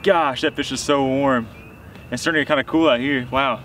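This is a young man's nighttime fishing vlog, recorded outdoors on a small lake boat, where he chats upbeat and shows his catches in casual narration. His mid-range voice is steady and fairly bright, moving fairly quickly, with a little hiss or hum. Music is clearly blended in.

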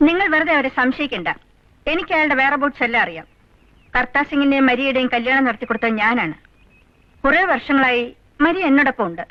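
An actress playing a calm, assured middle-aged judge and mother. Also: high-pitched, brisk, no echo. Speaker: special court judge, mother. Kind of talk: 1990s film dialogue. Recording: dry, dull lo-fi film soundtrack.

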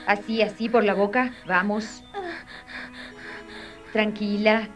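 A calm, motherly midwife. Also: medium pitch, slow pace, recorded from a distance, soft background music. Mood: soothing. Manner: soothing, patient, firmly coaching. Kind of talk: dubbed telenovela acting.

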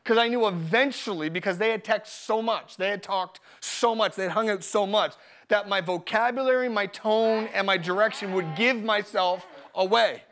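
A man with a high, bright-sounding voice preaches at a live church service. He talks with energy and humor, repeating his main lines so they stick. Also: normal speed, few pauses. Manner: energetic, joking, repeats key phrases. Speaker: pastor. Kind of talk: live sermon with personal stories.

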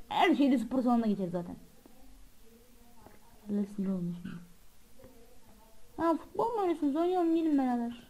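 A woman's voice: medium pitch, warm tone, poor audio. A woman hosting a channel, giving frightened, pleading let's-play commentary on a horror game and swearing often. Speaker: gamer and channel host.

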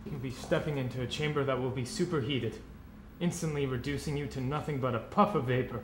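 A man's voice: medium pitch, fairly even intonation, brisk, close to an everyday voice. A man playing an obedient, cold constable in a dystopian film drama, matter-of-fact and clipped. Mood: cold, dutiful. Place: bare brick room. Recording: echoey room, faint ambient noise.

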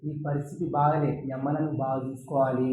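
A man playing a pushy boss who coaxes and insists at a rapid clip, with a dark, mellow voice. It is recorded in an echoey room in a low-budget skit. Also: flat delivery, slight background noise, lightly acted. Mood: insistent. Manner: insistent, coaxing, repeats himself. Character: pushy male boss pressuring an employee.

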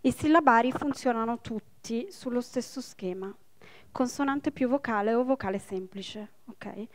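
A woman in her forties gives a public lecture in a library hall. Her voice sits fairly high, and she explains things step by step with quick, lively asides to the people listening. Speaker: linguist giving a public talk. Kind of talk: public lecture with audience questions.

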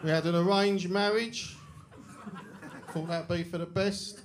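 A middle-aged man with a London accent doing a deadpan, self-deprecating stand-up set on a club stage, speaking into a handheld mic. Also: sits high, unhurried. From England. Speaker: stand-up comedian. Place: comedy club stage with a live audience. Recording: loud audience laughter in a club.

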